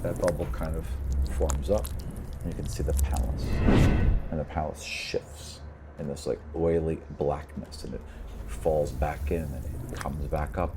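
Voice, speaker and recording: A man with a rumbling low voice acts as game master, improvising a tabletop scene in a conversational, descriptive style full of rambling asides. The recording is very noisy.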